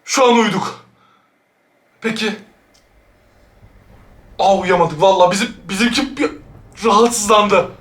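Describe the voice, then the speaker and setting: A woman hosting a horror reaction video, jumpy and excitable, shrieking, laughing nervously and talking straight to her viewers. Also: medium pitch, unhurried, pauses often, reverberant. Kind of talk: reacting to a horror short film.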